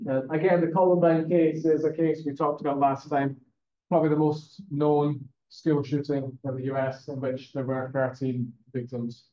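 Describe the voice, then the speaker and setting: A man's voice: on the high side, level tone, moderate pace, warm tone. A male university lecturer giving a classroom lecture in a conversational way, often checking in with "okay?" and fillers. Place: lecture room. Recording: roomy, dull lecture-room recording.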